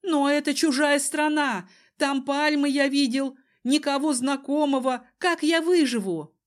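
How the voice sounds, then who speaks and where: A woman voicing a cowardly young man who screams and begs in a shrill, sobbing voice. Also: measured pace. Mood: begging. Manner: begging and screaming.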